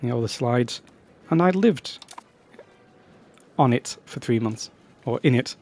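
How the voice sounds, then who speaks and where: A man's voice: mid-range voice, expressive, a little slow, a little mellow. A man casually commenting on his own strategy game, rambling and breaking off into chatty asides.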